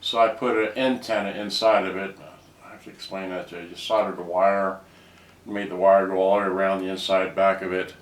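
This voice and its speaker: Here a man who restores cassette players presents pieces he's worked on, talking casually and wandering, frequently leaving thoughts unfinished mid-sentence. He speaks a little fast in a low, level voice, captured from afar in a roomy space with background noise.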